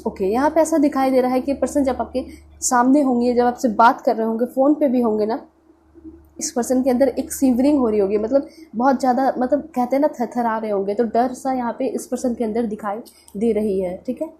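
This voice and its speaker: A woman's voice: on the high side, dark tone, slight background noise. Nasal, stuffed-up Indian woman reading tarot. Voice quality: nasal, stuffed-up as with a pinched nose. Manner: mixes in English words, repeats check-in phrases. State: congested with a cold. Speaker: tarot reader. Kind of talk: informal tarot reading to viewers.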